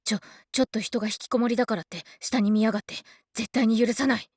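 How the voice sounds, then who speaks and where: A woman voicing a reclusive young female hacker in a game who mutters angry rants at high speed. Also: steady tone, darkish tone, husky, dry recording. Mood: ranting. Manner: rapid, muttering, indignant rants. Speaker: game character. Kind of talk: Japanese game voice acting.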